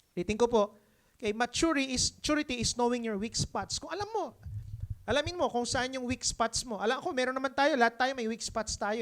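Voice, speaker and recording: A man with a Filipino accent preaching a conversational sermon. He mixes English into his talk and keeps checking in with the congregation. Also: very high-pitched. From Philippines. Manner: lively, keeps asking the congregation "di ba?". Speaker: pastor.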